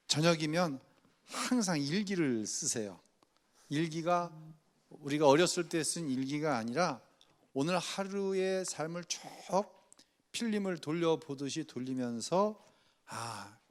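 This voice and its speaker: A male pastor leading an afternoon church study, telling a story conversationally and speaking straight to the congregation. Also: a little high. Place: church sanctuary.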